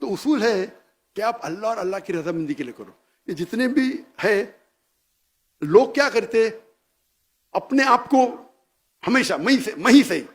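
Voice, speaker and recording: A man's voice: high-pitched, animated, unhurried, pauses often. A man giving a public religious talk, emphatic and challenging, firing off rhetorical questions and dropping in English phrases. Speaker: Islamic preacher.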